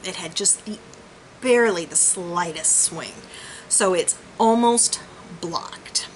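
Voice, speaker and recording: A woman's voice: fairly low pitch, slow, low-quality recording. A woman giving a casual, conversational spiritual healing reading, thinking aloud and trailing off into asides. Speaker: crystal and chakra healer giving a personal reading. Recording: clear background noise.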